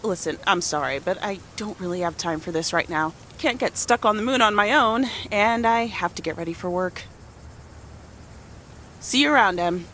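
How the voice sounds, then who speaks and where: A woman's voice: on the low side, lively intonation, moderate pace, a bit bright, a little hiss or hum. An actress playing a wry, busy small-town mother in her forties in a video game, with a curt, sarcastic way of talking.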